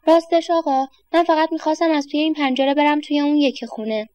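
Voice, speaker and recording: A determined little boy from a storybook, as a woman puts him on, polite and earnest but never giving up. His voice sits up high and bright. The recording is close and dry. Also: steady tone, dry recording, lightly acted. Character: determined stubborn young boy.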